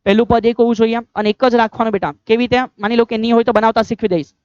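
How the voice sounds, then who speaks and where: A man teaching physics in a quick, high voice with a Gujarati accent, fatherly toward his students and constantly asking them questions. The sound is dry and slightly dull, with no room echo at all. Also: level tone, a little mellow, clean tone. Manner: fatherly, keeps calling students "beta", asks rhetorical questions. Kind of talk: online exam-prep lecture.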